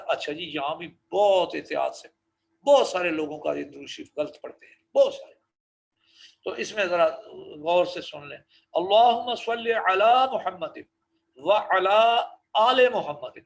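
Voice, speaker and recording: A man giving a religious lesson on correct prayer pronunciation, slowly drawing out recited phrases and correcting common mistakes. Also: fairly high pitch, gravelly, poor audio. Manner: slow drawn-out recitation of Arabic phrases between explanations; corrective, instructive tone. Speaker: religious teacher.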